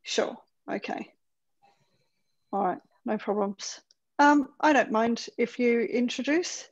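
A woman with a high voice teaches English in a friendly, unhurried way, speaking slowly. She is on a video call, and the sound comes through dull and lo-fi. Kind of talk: online class chat.

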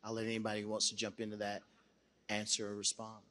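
A man moderating a panel on a conference stage, speaking into a handheld mic in a large hall, relaxed and repeating words as he frames questions. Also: lowish voice, fast.

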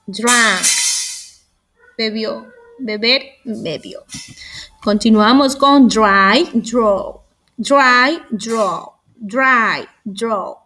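A woman's voice: a little high, a bit bright. A woman teaching English vocabulary, patiently repeating each word for students to echo and coaxing them along. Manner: affectionate, coaxing. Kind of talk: slow drilled vocabulary lesson.

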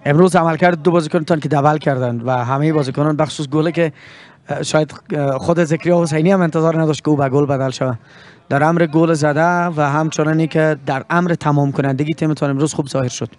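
This young man, a sports presenter with an Afghan Dari accent, conducts a post-match interview and then signs off, handheld mic in hand, against an outdoor pitchside sponsor backdrop. He sounds a little high yet darkish, keeping a steady tone and the formal, fluent manner of a broadcaster.

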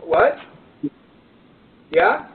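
A husband speaking through a doorbell intercom from his phone, confronting a stranger with short questions. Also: very slow. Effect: heard through a doorbell intercom from his phone. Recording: tinny phone-line doorbell audio.

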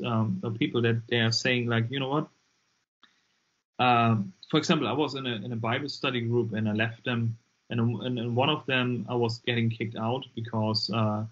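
A man's voice: mid-range voice, muffled recording. A man in his forties from Germany with a German accent, a non-native English speaker talking emphatically as a guest on a video call through earbuds, often repeating words. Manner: emphatic, repeats words when pressing a point. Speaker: guest, deliverance minister. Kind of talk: casual interview talk. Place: dim room indoors.

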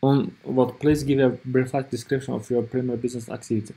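A man narrating an informal screen tutorial as its presenter, in a hesitant, halting way, often repeating himself. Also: medium pitch, little pitch movement, creaky, mellow, breathy edge. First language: not Russian or rusty Russian speaker living abroad.

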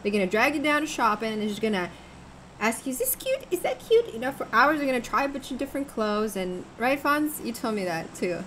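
Jumpy young woman streamer, high voice. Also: a little fast, slight background noise. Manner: jumpy, yells suddenly, chatty. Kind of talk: casual gaming chat.

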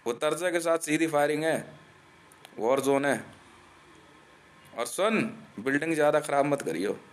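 A man's voice: fairly high pitch, lively intonation, moderate pace. A man from India delivering a profane ranting monologue, aggressive and taunting, swearing constantly and laughing between threats.

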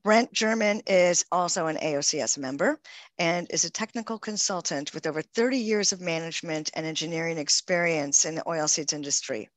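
A woman's voice: low-pitched, fairly quick, no room sound. A woman moderating a webinar, upbeat as she reads speaker introductions. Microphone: video call.

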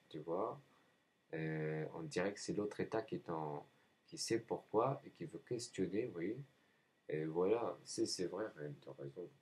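Man, very low voice, husky, rambling monologue, hesitant, repetitive. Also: a little mellow. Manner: repeats himself, answers his own questions; halting, frequent hesitations.

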